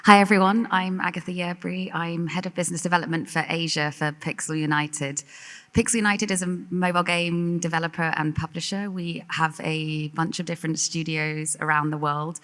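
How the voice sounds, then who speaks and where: A woman's voice: fairly low pitch, steady tone, fairly quick, a bit bright. A woman in business development introducing her company on a panel, composed and businesslike.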